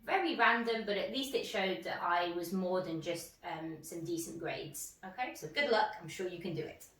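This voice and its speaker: A woman's voice: on the low side, animated, fairly bright tone. Chatty woman from france, er doctor in her 30s, upbeat, echoey room, mic a bit far off. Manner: upbeat, chatty, quick asides. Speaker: emergency doctor. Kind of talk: speaking to camera about her career. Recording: roomy, distant mic.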